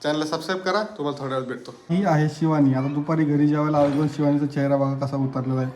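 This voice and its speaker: A man's voice: fairly high pitch, steady tone, fast talker, a little mellow, slight background noise. Chatty man teasing on a family vlog. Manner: chatty, teasing, addresses viewers directly. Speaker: family vlogger host. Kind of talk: casual home vlog chat.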